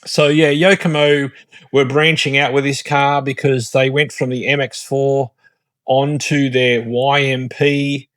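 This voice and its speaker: Man, medium pitch, rambling casual commentary, lots of ums, dry room. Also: flat delivery, unhurried, fairly bright tone, no echo. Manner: chatty, rambling, many fillers and self-corrections. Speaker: hobby channel host.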